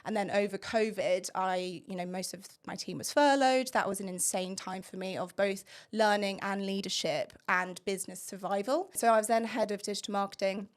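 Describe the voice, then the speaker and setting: A talkative woman in her thirties, from England, telling her career story as a podcast guest. Her pitch sits in the middle, and she rambles cheerfully and breaks into laughter along the way. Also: fairly even intonation, moderate pace, hardly any pauses. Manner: talkative, laughs often, long-winded. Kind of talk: casual chat.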